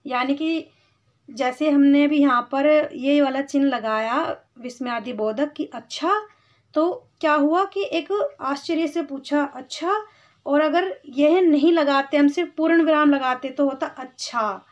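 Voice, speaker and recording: A woman teaching Hindi grammar to children, patiently explaining and calling them "beta". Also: high voice. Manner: patient, explains slowly, calls students beta. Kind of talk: classroom lesson for children. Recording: slightly dull lo-fi sound.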